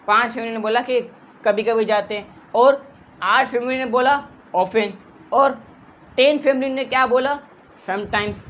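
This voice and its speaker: A man's voice: extremely high pitch, steady tone, measured pace, a bit bright, muffled recording. A man teaching a math lesson, patiently explaining steps, counting aloud and mixing in English terms. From Pakistan.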